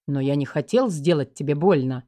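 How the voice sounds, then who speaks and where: A woman's voice: animated, fairly quick, mellow. Woman voicing a brusque angry husband. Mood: flustered apologetic. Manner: lowered voice, brusque then pleading. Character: angry controlling young husband. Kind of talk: audiobook character voicing.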